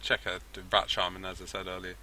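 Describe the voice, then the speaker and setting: Sharp-toned man reading a game. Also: sits low, flat delivery, quick pace, a little hiss or hum. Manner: rambling, self-correcting asides. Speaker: let's play host. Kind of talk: game playthrough, reading and commentary.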